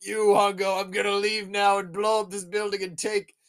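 A speaker acting out a gloating male spider monster villain who taunts and shouts threats while recapping a film. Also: mid-range voice, little pitch movement, moderate pace, voice pushed up, close to an everyday voice.

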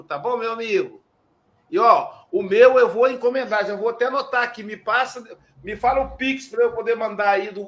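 A chatty Brazilian man hosts a casual live show. His voice sits noticeably high, and he talks in a lively way, slipping into little acted-out quotes and bits of dialogue. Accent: Brazilian Portuguese. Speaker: host.

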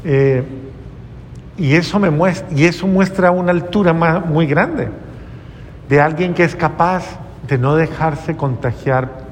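Earnest male preacher, slightly high voice, long hall echo. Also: slow, a little hiss or hum. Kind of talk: sermon.

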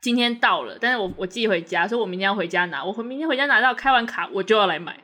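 A woman, co-hosting a casual podcast chat, eager and quick, repeating words when excited. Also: medium pitch. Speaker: podcast co-host.

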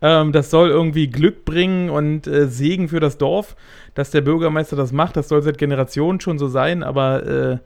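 A man's voice: fairly high pitch, fairly even intonation, normal speed, vocal fry, a little mellow. A man in his thirties co-hosting a podcast, talking casually and rambling with many fillers. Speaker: podcast co-host. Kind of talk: casual chat.

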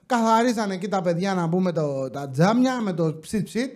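High voiced guy hosting a podcast, jokey and chatty, reads stories out. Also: expressive, darkish tone. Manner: chatty, joking, reads listener stories aloud. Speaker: podcast host. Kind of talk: casual storytelling podcast.

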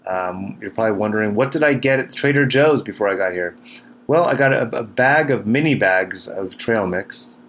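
A man's voice: fairly low pitch, expressive, moderate pace, fairly bright tone. A man hosting a solo podcast from a cabin, rambling casually in a dry, self-deprecating way. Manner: self-deprecating, dryly wry. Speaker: podcast host. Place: small cabin kitchen in the mountains. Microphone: recording into a computer. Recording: noisy cabin room recording.

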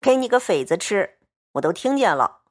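A woman's voice: medium pitch, very animated, normal speed. A woman doing a playful doting young nobleman. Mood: teasing. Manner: teasing, then pleading.

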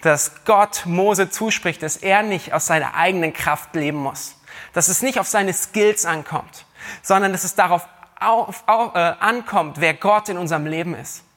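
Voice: mid-range voice, normal speed, a bit bright. A preacher delivering a sermon who retells a scripture story in everyday words and speaks straight to the listeners. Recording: long hall reverb.

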